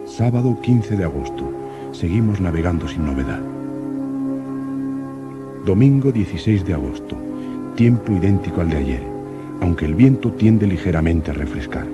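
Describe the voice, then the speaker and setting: An actor playing an earnest, curious young explorer who narrates his expedition diary like an old radio serial announcer, in formal, measured diction. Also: low voice, lively intonation, highs cut off. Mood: earnest narration. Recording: old radio drama with music.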